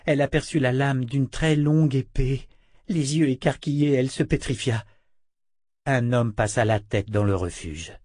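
A man reading a novel aloud as narrator, in a steady measured way. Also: mid-range voice, husky, no room sound, studio quality. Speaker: audiobook narrator. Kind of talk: scripted narration.

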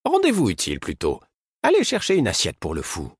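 A woman's voice: very deep voice, wildly swooping pitch, a little fast, slightly rough, dry recording, clean studio sound, voice pushed up, heavily acted. A man voicing a stern, curt older woman who scolds sharply. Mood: scolding.

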